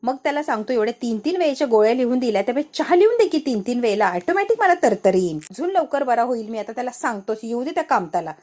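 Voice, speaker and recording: A woman's voice: a little high, sing-song, quick pace, hardly any pauses, darkish tone. A woman voicing an ailing elderly father who teases his daughter-in-law with fond, nagging questions. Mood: cheerful.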